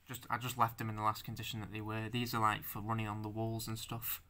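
A young man talking through his handmade stop-motion figures in a casual show-and-tell, halting and stammering, swearing now and then, self-conscious about speaking out loud. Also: lowish voice, completely flat delivery.

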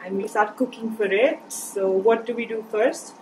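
A woman's voice: medium pitch, fairly even intonation, moderate pace, darkish tone. A young woman hosting a cooking chat, asking questions and repeating the answers back. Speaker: interviewer host. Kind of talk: casual cooking interview. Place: small indoor room, student kitchen. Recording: echoey noisy room.

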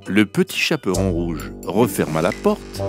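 A man reading a fairy tale aloud for children, in a gentle, unhurried, expressive storytelling manner. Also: low voice, music in the background.

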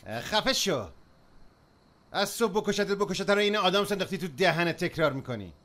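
A man dubbing a volatile drunk husband who snarls threats, swinging between shouting and low muttering, in a dubbed film. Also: lively intonation. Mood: furious. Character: volatile drunk man, Yusuf, bullying his wife. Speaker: dub actor.

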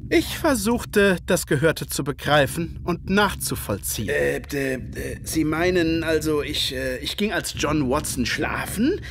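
An earnest Victorian doctor in a radio play. His intonation swings widely, and he is expressive, easily astonished and sometimes halting. There is some noise in the recording. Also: a little high. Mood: bewildered. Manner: expressive, hesitant when puzzled, emphatic. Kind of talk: German radio play, dialogue and first-person narration.

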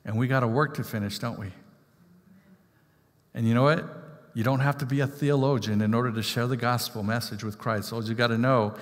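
A man's voice: mid-range voice, fairly even intonation, brisk. A man preaching a sermon in a conversational style, rousing the congregation with repeated calls of "Amen?". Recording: long hall reverb.

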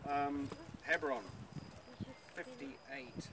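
Here the same kind of outdoor tour talk comes very slowly from a middle-aged guide with a highish voice, full of ums and questions for his listeners. He stands near an old stone wall, recorded from afar by a camera amid outdoor noise.

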